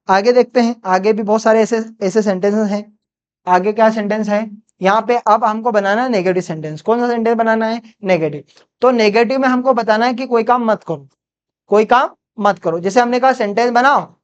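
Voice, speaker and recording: A woman with an Indian accent teaching spoken English, drilling phrases slowly and asking her students questions. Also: fairly high pitch, clear, resonant tone. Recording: dull lo-fi sound.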